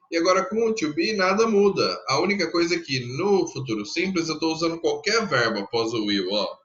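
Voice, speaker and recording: A Brazilian man teaching a recorded lesson, his voice bright and forward. He explains patiently, step by step, repeating each example slowly. The sound is dull and somewhat lo-fi. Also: medium pitch. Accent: Brazilian Portuguese. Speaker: English teacher.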